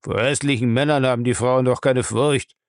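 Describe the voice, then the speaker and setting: A man reading aloud and voicing a gruff, menacing old castle owner who grumbles slowly. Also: mid-range voice, fairly even intonation, no echo, clean studio sound, lightly acted.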